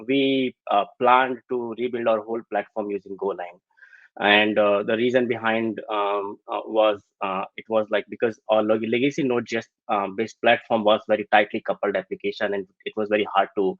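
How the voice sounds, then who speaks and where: A man giving a technical presentation remotely, halting often and leaning heavily on fillers. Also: lowish voice, no echo. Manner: halting, filler-heavy delivery. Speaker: tech conference speaker. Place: remote, over online call. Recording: dull, lo-fi call audio.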